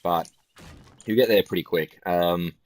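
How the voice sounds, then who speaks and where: A tired man giving casual gameplay commentary in a flat, musing way. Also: low-pitched, unhurried. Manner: self-described monotone, relaxed and musing.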